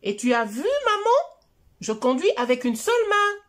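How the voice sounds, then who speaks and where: A woman voicing a small, eager boy penguin in a children's storybook, with a high childlike voice that turns pleading or excited. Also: moderate pace. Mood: proud excited.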